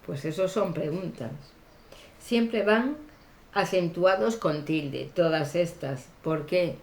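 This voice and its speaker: Slow-speaking woman teaching grammar. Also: on the low side, creaky, darkish tone, roomy sound. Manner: deliberate, hesitant with frequent fillers. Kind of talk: slow classroom grammar explanation.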